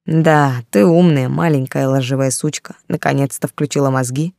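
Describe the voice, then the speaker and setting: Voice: mid-range voice, steady tone, moderate pace, vocal fry, a little mellow, no echo, studio quality, lightly acted. Ash, a cruel jealous warlord, read by a narrator. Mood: menacing. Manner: threatening, contemptuous. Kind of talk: audiobook character reading.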